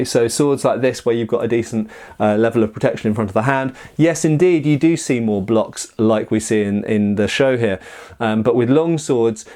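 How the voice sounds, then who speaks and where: A martial arts commentator hosts a relaxed review, his mid-range voice carrying a darkish tone. He lays out techniques with strong convictions, often cutting in with emphatic asides.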